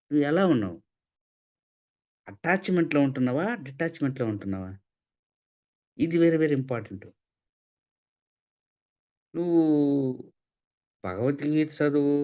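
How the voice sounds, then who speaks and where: A man giving a spiritual talk, asking rhetorical questions and repeating points for emphasis. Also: mid-range voice. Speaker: spiritual speaker. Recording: slightly dull lo-fi sound.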